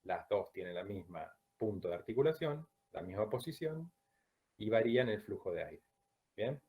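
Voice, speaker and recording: A man from Latin America teaching a Chinese pronunciation class, who drills sounds slowly and checks in with "¿bien?" after each point. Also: fairly low pitch, sing-song, darkish tone. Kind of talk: online class lecture.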